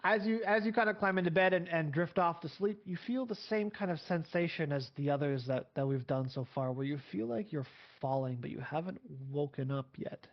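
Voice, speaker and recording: A man's voice: a little high, brisk, hardly any pauses. Man narrating a tabletop game, rambling. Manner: rambling, full of fillers and restarts. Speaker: game master. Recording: dull lo-fi audio.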